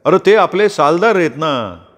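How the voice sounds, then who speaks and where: Narrator doing a loud hearty farmer guy, rural talk, raised voice. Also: on the high side, expressive, moderate pace, long reverb tail, pitched above the performer's own voice. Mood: explaining. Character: boisterous, generous middle-aged farmer, former convict.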